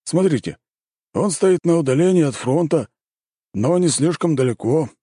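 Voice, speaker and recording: A man voices a scheming royal advisor in an audiobook, persuasive and sly, raised above his narrating pitch. Dry close recording. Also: animated, normal speed, mellow, breathy edge, dry recording.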